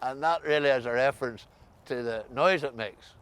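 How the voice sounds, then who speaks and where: A man's voice: medium pitch, moderate pace, fairly bright tone, smooth. A man with an Ulster Scots accent, asking questions as the interviewer in a casual chat.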